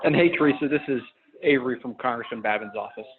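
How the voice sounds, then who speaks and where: A man's voice: medium pitch, fast. A man from a congressional office checking in on a conference call, brief and businesslike, heard over a phone line. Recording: tinny phone line with crowd behind.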